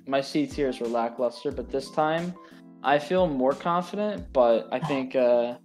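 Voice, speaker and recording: A man's voice: medium pitch, unhurried, darkish tone, faint music behind. A man co-hosting a casual podcast, joking and teasing crudely, with hesitant fillers. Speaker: podcast co-host. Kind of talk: casual chat.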